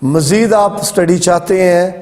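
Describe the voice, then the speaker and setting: Male Bible teacher, high voice, measured lecture delivery. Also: a little mellow. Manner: slow, deliberate explanation of word pronunciations. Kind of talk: religious word-study lecture.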